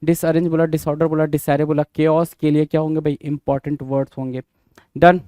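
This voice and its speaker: A man's voice: fairly high pitch, little pitch movement, a little fast, dark tone, no room sound. A man teaching English vocabulary for exam prep in a casual style, repeating words, spelling them out letter by letter and answering his own questions. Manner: informal, addresses students as brother. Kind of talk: exam-prep lesson, call and response.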